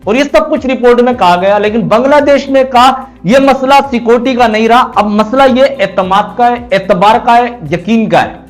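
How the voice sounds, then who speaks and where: Man, very high pitch, mocking cricket commentator, opinion monologue, light background music. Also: moderate pace, few pauses. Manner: mocking, sarcastic.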